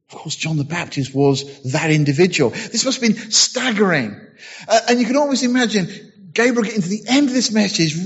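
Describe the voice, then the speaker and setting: Male preacher, sermon, fairly high voice, husky, dull lo-fi recording. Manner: conversational, acts out scenes in voices.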